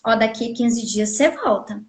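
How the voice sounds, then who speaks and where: High-voiced woman from Goiás telling a story. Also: moderate pace. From Goiás, Brazil. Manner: animated, acts out quoted dialogue. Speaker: guest telling her story. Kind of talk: casual storytelling on a live stream. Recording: echoey room audio from a live stream.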